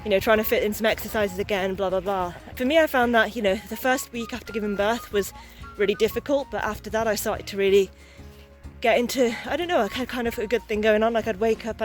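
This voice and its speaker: Faint music sits behind a young adult woman speaking quickly at medium pitch. She's a vlogger and new mother, rambling candidly for a casual vlog as she walks outdoors.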